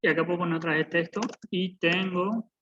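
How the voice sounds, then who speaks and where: His voice is high, steady and sharp, moving a little fast, as this man in his twenties teaches programming live online. The video-call recording is muffled, with slight background noise. He's patient, repeats points, and keeps checking in with "¿verdad?".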